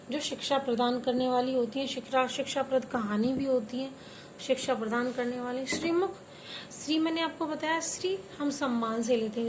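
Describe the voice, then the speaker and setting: A woman's voice: fairly high pitch, noisy background. A woman teaching a Hindi class to young children, patiently explaining word meanings and having them repeat words after her. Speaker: primary school teacher.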